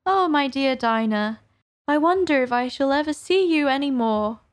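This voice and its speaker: A woman's voice: high-pitched, normal speed, pitched above the performer's own voice, lightly acted. A woman reading aloud and voicing Alice, an earnest, eager little girl. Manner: eager, pleading.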